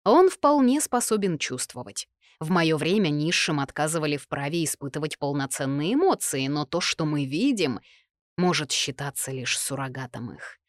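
A woman's voice: on the low side, lively intonation, normal speed, few pauses, no echo, clean studio sound, natural voice. Woman reading as a haughty ancient male spirit. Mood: lecturing. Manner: condescending, lecturing.

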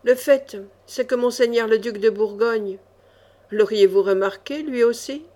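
A woman's voice: a little high, unhurried, mellow, natural voice. Woman reading as an icy mocking young chevalier. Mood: cool. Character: cool ironic young male chevalier swordsman.

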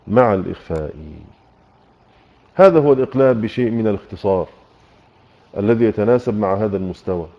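A man with an Egyptian accent teaching Quran recitation rules in an online lesson, repeating key points and quizzing his listeners. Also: medium pitch. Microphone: computer microphone in voice chat room. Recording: muffled online voice chat.

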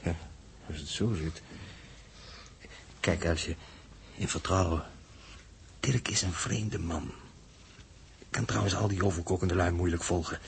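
In a 1960s Dutch radio drama, an actor plays a learned, coolly fatalistic mathematician aboard a spaceship who lectures in formal, pedantic phrases, sounding probing and suspicious. The male voice is low-pitched and measured, with vocal fry and long pauses. There is slight background noise.

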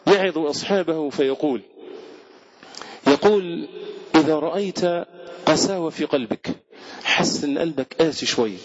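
A man's voice: a little high, breathy edge. A man with an Egyptian Arabic accent giving a fervent Ramadan sermon as a sheikh, repeating words for emphasis. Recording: dull lo-fi recording.

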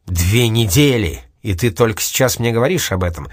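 A man reading aloud and voicing a gruff, short-tempered male gangster in an irritable manner. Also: on the low side, animated, moderate pace, no echo, studio quality.

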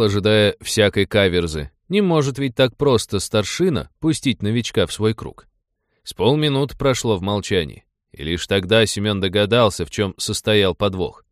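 A male audiobook narrator reading in a mid-pitched voice with a lively, widely moving intonation. He voices each figure himself, recorded close and very dry with no room sound. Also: no echo. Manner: expressive, voices every character.

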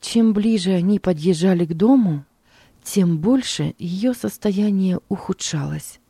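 A woman narrating an audiobook in a measured storytelling manner, close to the mic. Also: mid-range voice, dark tone, husky, no echo. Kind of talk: scripted narration.

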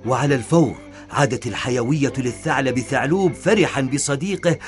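A man narrating a children's story in a measured, expressive storytelling manner. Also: mid-range voice, faint music behind.

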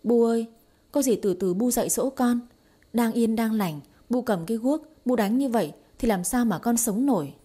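A woman reading the part of a bold, scheming young wife who scolds quickly and mockingly, in an audio story. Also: mid-range voice, mellow, husky, close to an everyday voice. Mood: sharp.

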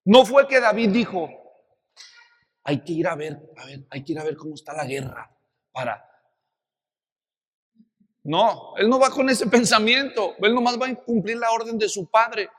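A man with a Mexican accent preaching a sermon, telling a Bible story in a lively way with many rhetorical questions. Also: high-pitched, unhurried, long pauses, in a large hall. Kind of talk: expository sermon.

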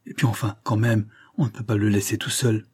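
A man's voice: lowish voice, fairly even intonation, brisk, breathy edge, no room sound, studio quality. A man playing a breathless tall woodsman. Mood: urgent. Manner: urgent, out of breath. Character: tall blond bearded woodsman, breathless and urgent.

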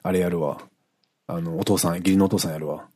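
A man's voice: deep voice, fairly even intonation, fast talker, darkish tone. A middle-aged man co-hosting a radio show, chatting casually, laughing often and rambling off into asides.

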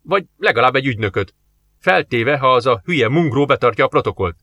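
A man's voice: mid-range voice, expressive, pushed and bright, highs cut off. A man reading an audiobook, voicing a harried male police captain who speaks brusquely and with exasperation. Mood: brooding.

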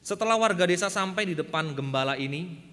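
A man's voice: sits high, lively intonation, brisk, fairly bright tone, long reverb tail. A man preaching a sermon, emphatic and often addressing the congregation directly, telling a story. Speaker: pastor. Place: church hall.

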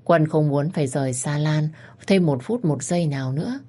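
A woman narrating a romance story as a storyteller, in a steady, even manner. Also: low-pitched, normal speed.

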